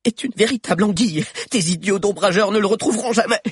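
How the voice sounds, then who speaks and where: A man's voice: a little high, slow, breathy edge, no echo, studio quality, pitched above the performer's own voice, full character voice. A man reading an audiobook and voicing a defiant, stubborn teenage boy who stammers under pressure. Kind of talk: audiobook character voice.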